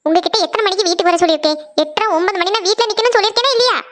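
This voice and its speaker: A woman voicing a shrill scolding young wife. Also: rapid-fire, a bit bright. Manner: nagging, scolding. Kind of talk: cartoon voice acting.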